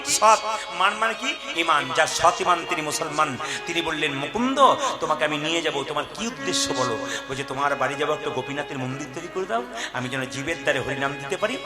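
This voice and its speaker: A man with a fairly high voice preaches at a live kirtan, mixing lively storytelling with sung verses. Loud harmonium and tabla play behind him. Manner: lively storytelling, urges the audience to repeat lines loudly. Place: live devotional stage before an audience.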